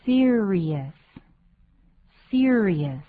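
A woman co-hosting a radio English lesson, reading dialogue lines slowly and clearly and adding short notes in Mandarin. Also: mid-range voice, sing-song, phone-quality sound, slight background noise. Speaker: English co-host.

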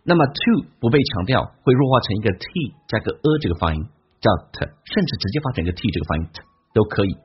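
Male English teacher, brisk explainer, fairly deep voice with an animated pitch, slightly muffled recording. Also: slightly rough. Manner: brisk, explanatory, demonstrates phrases slowly. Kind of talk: listening and pronunciation lesson.

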